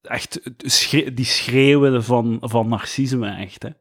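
Animated, rambling Flemish man. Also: medium pitch, slow pace, breathy edge. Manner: rambling, animated, with many fillers and restarts. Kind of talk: casual discussion.

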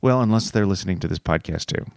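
A man's voice: low voice, quick pace, creaky, clear, resonant tone, no room sound. A man giving scripted, playful narration in a theatrical radio voice that speaks straight to the listener. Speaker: show segment narrator.

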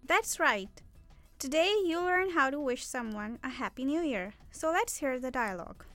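A woman's voice: high-pitched, expressive, normal speed, a bit bright, faint music behind. A woman co-hosting a language lesson in a casual, chatty, conversational way. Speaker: Urdu lesson podcast host.

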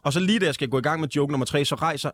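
A man's voice: a little high, fairly bright tone, no room sound, clean studio sound. A man from West Zealand, a stand-up comedian, telling stories in a casual chat with laughs and fillers. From West Zealand, Denmark. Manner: laid-back storytelling with lots of fillers and laughs.

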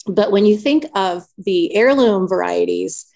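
Female interview guest, mid-pitched, conversational explainer with a folksy, meandering delivery. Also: measured pace, gravelly, warm tone. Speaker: podcast guest, orchard teacher.

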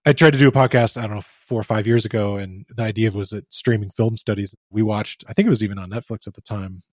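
A man hosting a podcast, reading the intro and asking questions in a steady manner. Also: on the low side, fast, no room sound, studio quality. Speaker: podcast host.

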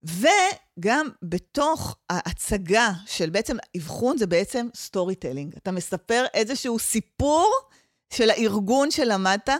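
A woman's voice: medium pitch, very animated, no room sound, clean studio sound. A woman with an Israeli accent explaining in casual conversation as a guest expert, mixing in English professional terms. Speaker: guest expert on training development and change management.

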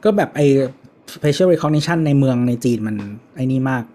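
A man chatting casually as a podcast co-host, relaxed and laid-back. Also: on the high side, a little slow. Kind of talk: casual chat.

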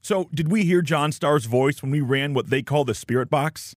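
A man's voice: a little high, normal speed. A man hosting a podcast, narrating ghost stories from a script in a storytelling manner. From Michigan. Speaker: podcast host.

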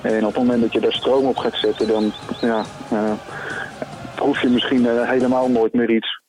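A man's voice: medium pitch, flat delivery, moderate pace, darkish tone, faint music behind, low-quality recording. Patient male science explainer. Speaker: science expert. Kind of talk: explaining chemistry casually.

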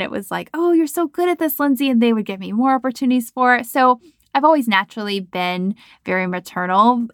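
A woman's voice: medium pitch, vocal fry, fairly bright tone, no echo, clean studio sound. A woman in her thirties hosting a podcast as a coach, talking casually and encouragingly with lots of "like" and "you know.". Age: 30s. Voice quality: chatty, frequent "like" and "you know".

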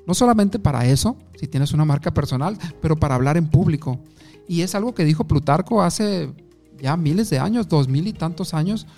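A man's voice: on the high side, dark tone. A man giving an instructive talk on communication, asking the listener questions and telling short anecdotes. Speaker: communication coach.

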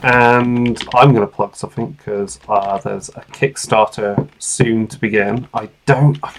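Gravelly man hosting a podcast. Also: lowish voice, steady tone, measured pace, slight background noise. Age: late 30s to 40s. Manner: rambling, informal, swears freely. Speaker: podcast host. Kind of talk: casual podcast chat.

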